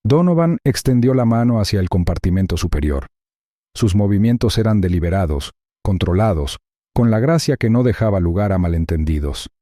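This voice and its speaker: A man narrating a scripted dramatic story in a grave, even way. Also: fairly low pitch, no room sound, studio quality.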